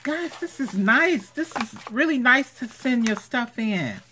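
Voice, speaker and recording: Gushing slow-talking woman. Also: a little high, slight background noise. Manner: gushing, excitable, repeats exclamations. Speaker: craft channel host. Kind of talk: unboxing vlog. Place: home. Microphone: handheld camera.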